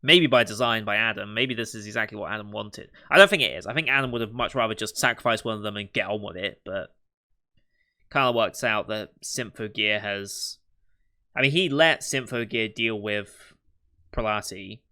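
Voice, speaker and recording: Reacting to an anime, a non-native Japanese speaker thinks out loud in a casual way, guessing at the characters' next moves with an occasional soft chuckle. He speaks at a normal speed in a lowish voice.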